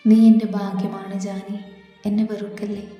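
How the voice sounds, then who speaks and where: A woman voicing a tender, anxious young husband in a read-aloud story, speaking gently. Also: medium pitch, monotone, normal speed, highs cut off, natural voice. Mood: tearful. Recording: echoey reverberant room with faint music.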